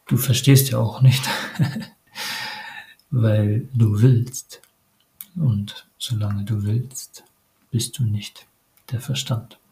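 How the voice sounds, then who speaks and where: A man giving a meditative spiritual monologue, addressing the listener directly in short, halting phrases with frequent hesitations. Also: mid-range voice, fairly even intonation, creaky, darkish tone, rough recording.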